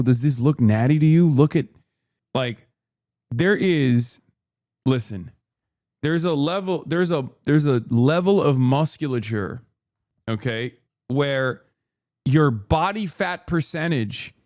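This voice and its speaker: A man's voice: fairly high pitch, a little mellow, no echo. A man in his thirties hosting a stream, giving rambling, emphatic, profane reaction commentary into a close mic. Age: 30s. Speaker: streamer host.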